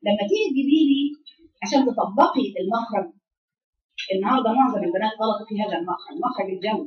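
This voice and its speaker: A woman's voice: mid-range voice, animated, very fast. A woman with an Egyptian Arabic accent teaching recitation to a class, quizzing and coaxing her pupils. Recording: dull, roomy, distant classroom recording.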